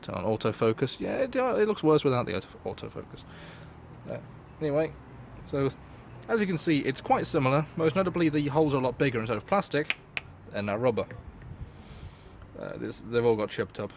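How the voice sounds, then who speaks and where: A man's voice: medium pitch, animated, fairly quick, vocal fry, highs cut off, slight background noise. A man giving a casual, unscripted product review in a rambling, offhand, sweary way. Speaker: collector and reseller reviewing gas masks.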